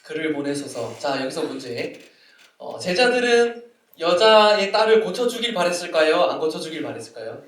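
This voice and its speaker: A man's voice: a little high, very animated, normal speed, a bit bright. A male pastor with a sore throat preaching to a young adults' service in a conversational way, often putting questions to the congregation. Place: church sanctuary. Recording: echoey church hall, mic at a distance.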